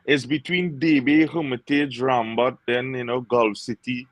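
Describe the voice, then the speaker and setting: A man's voice: mid-range voice, steady tone, unhurried, dry recording, low-quality recording. A man from Trinidad, a singer chatting as a guest in an easygoing way with lots of fillers. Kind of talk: casual interview chat.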